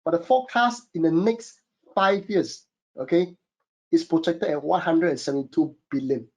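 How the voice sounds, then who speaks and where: A slightly high, slightly mellow male voice moves at normal speed. The speaker, a Singaporean e-commerce consultant with a Singaporean English accent, hosts a webinar from his home studio in a casual manner packed with fillers, calling listeners "guys."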